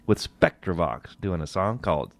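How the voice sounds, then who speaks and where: A man hosting a radio show, introducing songs in a folksy, lively way. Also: sits low, moderate pace, no echo. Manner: lively, folksy, plays up his lines. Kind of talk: casual radio chat and song intros.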